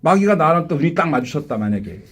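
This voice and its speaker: Man, pastor, live church sermon, high voice, very animated intonation, rhetorical questions. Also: quick pace, slightly rough. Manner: animated, asks the congregation rhetorical questions, acts out quotes. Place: church sanctuary.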